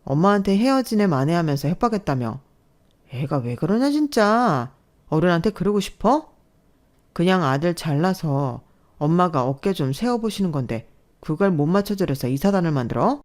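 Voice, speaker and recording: A woman's voice: fairly low pitch, big pitch swings, moderate pace, darkish tone. A woman voicing a defensive, reproachful husband who sides with his mother. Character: defensive, spineless adult husband.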